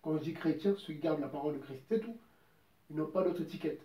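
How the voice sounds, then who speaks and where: A man delivers an informal sermon in a slightly high but mellow voice, repeating himself for emphasis and quoting scripture at length. He sits back from the microphone, and the room adds a noticeable echo. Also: lively intonation, fast, far from the mic. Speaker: preacher. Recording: roomy echo, voice from off mic.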